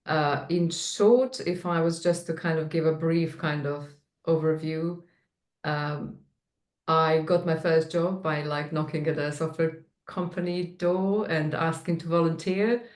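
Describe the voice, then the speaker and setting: A woman's voice: deep voice, fairly even intonation, unhurried, darkish tone, reverberant. A woman from Serbia with a Serbian accent, a guest in a casual interview, talking with many fillers and restarts and laughing easily. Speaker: guest, tech manager.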